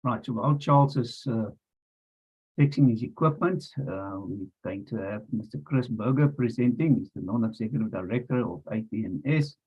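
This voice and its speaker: A man's voice: medium pitch, normal speed, darkish tone, breathy edge. A man moderating an online panel over a group voice chat, courteous and chatty as he introduces speakers and apologizes for technical trouble. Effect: group voice chat audio. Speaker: webinar moderator. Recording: dull lo-fi call audio.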